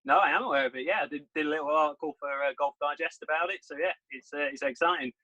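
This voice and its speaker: Man, 30s, relaxed guest chatting from home, bright tone through dull call audio. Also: on the high side, rapid-fire. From England. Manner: relaxed, modest, hesitant. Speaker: guest, sports writer. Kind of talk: casual interview chat.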